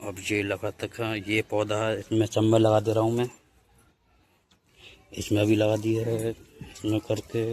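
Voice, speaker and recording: A man's voice: lowish voice, monotone, unhurried, long pauses, poor audio. Man narrating a homey family vlog. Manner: talks softly to camera while working with plants; raises voice into coaxing singsong when talking to his little daughter. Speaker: vlogger, father. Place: home, partly outdoors among potted plants.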